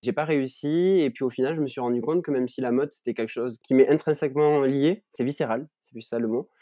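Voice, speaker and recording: Mellow-voiced young man with southern French accent. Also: mid-range voice, fast, dry recording, highs cut off. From southern France, Ariège. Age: 20s. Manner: thoughtful, many fillers and restarts. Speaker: guest, content creator. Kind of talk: reflective conversational storytelling. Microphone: remote recording.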